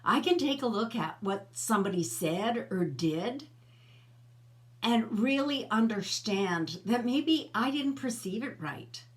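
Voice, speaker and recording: A woman's voice: on the high side, lively intonation, takes it slowly. A middle-aged woman hosting her own personal growth channel, talking casually to camera in a conversational, coaching way and asking the viewer questions.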